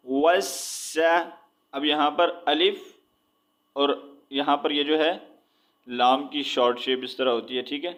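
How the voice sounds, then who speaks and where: A man teaching Quran reading, spelling out letters and drawing words out slowly between explanations. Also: medium pitch, a bit bright. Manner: drawn-out recitation of words, explaining with repeated checks. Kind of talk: slow spelled-out recitation lesson.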